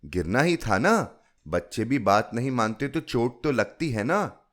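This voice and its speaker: A man voicing a fond fifty-year-old woman who coaxes a child with a story in a gentle, lilting way. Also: mid-range voice, very animated, a little slow. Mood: coaxing. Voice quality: coaxing, storytelling lilt.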